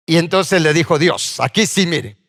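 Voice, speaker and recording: A man's voice: a little high, moderate pace, creaky, a bit bright. A man preaching a sermon as pastor, asking his congregation questions as he goes. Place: church sanctuary. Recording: church hall reverb.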